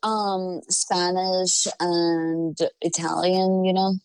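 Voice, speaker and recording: Slow-talking young woman from Ukraine. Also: fairly low pitch, flat delivery, darkish tone, smooth, dry recording, rough recording. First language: Russian. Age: 20s. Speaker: interviewee, student. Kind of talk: casual chat.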